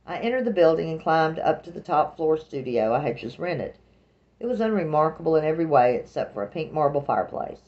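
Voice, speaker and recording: A woman's voice: low voice, sing-song, fairly quick, darkish tone, highs cut off. A woman from Alabama with a Southern accent, reading a first-person novel aloud with a dry, wry delivery. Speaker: audiobook narrator.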